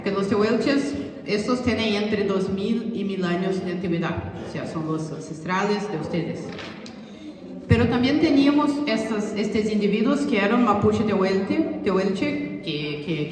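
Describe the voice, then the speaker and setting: A researcher presents study results to a community audience in an informal public talk, constantly rephrasing with restarts and fillers like "o sea" and "es decir." The mid-pitched voice is heard from far away in a large, echoey hall, with faint noise.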